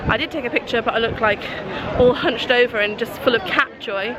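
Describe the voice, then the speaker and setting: A woman's voice: fairly high pitch, a little fast, a crowd in the background, noisy background. A woman, chatting casually in a rambling, self-mocking vlog. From England. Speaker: vlogger. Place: hotel room, then outdoors in a city.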